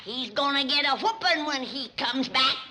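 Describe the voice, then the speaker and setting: A woman's voice: high-pitched, expressive, normal speed, sharp tone, slight background noise. A woman playing a feisty, scolding old hillbilly granny in a sitcom, with a rural Southern accent. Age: older. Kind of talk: sitcom acting.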